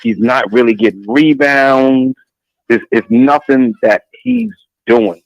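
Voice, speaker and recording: A man calling in to a sports talk show, ranting in a boastful, animated way. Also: medium pitch, takes it slowly, dry recording, lo-fi sound. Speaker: caller. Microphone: phone line.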